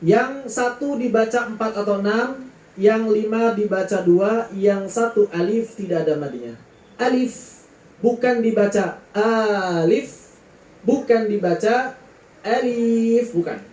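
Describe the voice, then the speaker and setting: A man's voice: sits high, takes it slowly, a little mellow, reverberant, low-quality recording. A man teaching Quran recitation. He explains patiently, draws out his words and sings the letter names.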